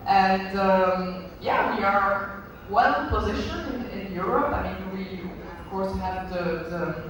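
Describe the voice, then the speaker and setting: Belgian French man, high voice, halting conference lecture, distant mic in a noisy echoing hall. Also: fairly bright tone. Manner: hesitant, many fillers and restarts. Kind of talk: conference talk. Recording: echoey hall from far off, noisy.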